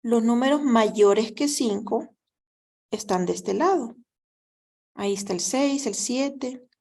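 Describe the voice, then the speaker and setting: A woman's voice: a little high, slow pace, a little mellow. Patient woman teacher explaining math. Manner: patient, explanatory, often asks "¿verdad?". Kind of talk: recorded class lecture.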